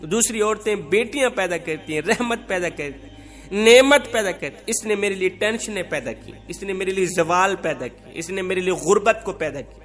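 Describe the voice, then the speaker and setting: A man voicing a harsh husband who loudly scolds and blames his wife in a sermon story. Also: sits high, lively intonation. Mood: angry, accusing. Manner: loud, accusing rant.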